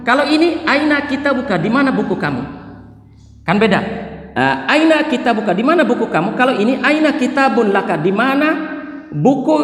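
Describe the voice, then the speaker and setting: Male teacher, high-pitched, patient drilling of example sentences, echoey classroom sound. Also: fairly bright tone. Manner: repeats example phrases slowly, then translates. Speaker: Arabic teacher. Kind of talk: beginner grammar lesson. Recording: echoey room with long reverb.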